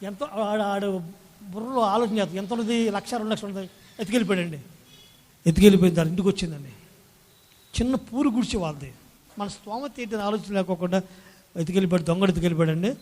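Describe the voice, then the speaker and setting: A man with a high, ringing voice preaches a lively Sunday sermon, calling out hallelujahs and acting out quarrelling spouses. His words trail off into the long reverb of a church hall. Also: quick pace, long pauses. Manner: animated preaching, calls Praise the Lord and hallelujah to the congregation; acts out quoted spouses in everyday scenes. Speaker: pastor.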